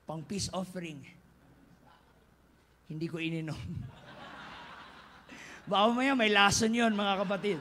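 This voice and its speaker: A Filipino man preaching a fervent sermon in a church, often rising to shouted exhortation. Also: sits high, fairly even intonation, a little slow, long pauses, a little hiss or hum. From Philippines.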